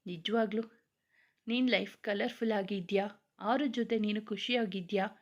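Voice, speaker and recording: A woman's voice: medium pitch, fairly even intonation, moderate pace, highs cut off, close to an everyday voice. A woman reading the lines of a young man who teases and scolds his best friend, in a storybook tale. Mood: probing.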